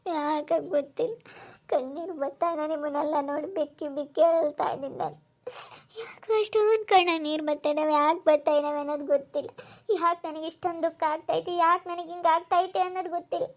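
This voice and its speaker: Woman playing a tearful frightened young woman, high voice, narrow flat melody, slow halting sobs, rural Chitradurga Kannada accent. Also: close to an everyday voice. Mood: sobbing.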